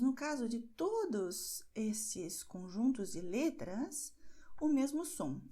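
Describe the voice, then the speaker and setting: A woman teaching a beginner pronunciation lesson, patiently sounding out vowels and slowing down to drill example words. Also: on the high side, dark tone. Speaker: language teacher.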